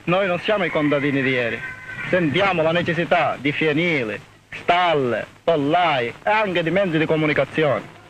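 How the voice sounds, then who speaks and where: A man's voice: on the high side, expressive, moderate pace, a bit bright. A man with a Sicilian accent, a farmer giving a prepared interview answer outdoors. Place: outdoors in a rural village. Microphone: handheld interview microphone. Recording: noisy outdoor 1950s film recording.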